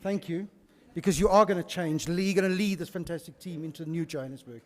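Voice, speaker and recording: A man with a slightly higher voice pays an effusive tribute, talking in quick, moved bursts. He stands off the mic, and a hall's reverb trails his words. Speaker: speaker presenting a token of thanks. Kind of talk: emotional tribute. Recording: distant from mic in reverberant hall.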